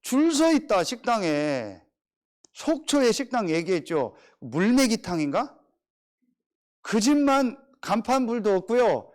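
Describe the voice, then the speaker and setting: A middle-aged man preaches with a notably high voice that swings widely up and down as he tells stories. He keeps pressing his listeners with rhetorical questions in an animated, conversational sermon. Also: a little slow. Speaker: pastor.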